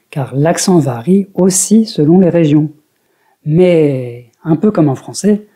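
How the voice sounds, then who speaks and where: A speaker from France narrating a scripted language lesson in a measured, explanatory way. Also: mid-range voice, dark tone. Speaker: language teacher.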